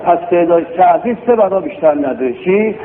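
A man's voice: high voice, lively intonation, crowd noise. A man teaching a classroom grammar lesson, drilling words and quizzing his class. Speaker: religious studies teacher. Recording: tinny phone-like lo-fi recording.

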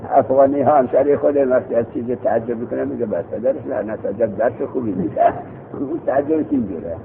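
A man leads a seminary grammar lesson, quizzing students and echoing their answers in a lively, gravelly voice that sits a little high. The sound is thin and tinny, like a phone recording. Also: slight background noise. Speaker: teacher.

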